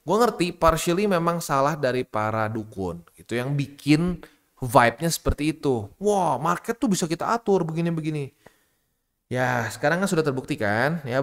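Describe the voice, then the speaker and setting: A man's voice: medium pitch, a bit bright. A man hosting a crypto channel, giving blunt, slangy, scolding market commentary.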